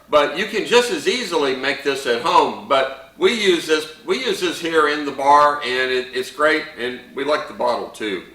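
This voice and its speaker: A man's voice: fairly high pitch, bright, forceful tone, echoey room, distant mic, low-quality recording. A man hosting a home bar show, walking through a drink recipe in a folksy, chatty way with playful pirate slang. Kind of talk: casual drink-making tutorial.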